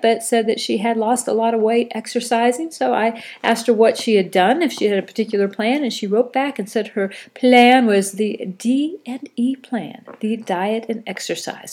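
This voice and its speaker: Speaking slightly high with a darkish tone, this middle-aged woman has a stuffy, cold-affected nose. She hosts her podcast solo, drifting chattily from point to point and correcting herself along the way.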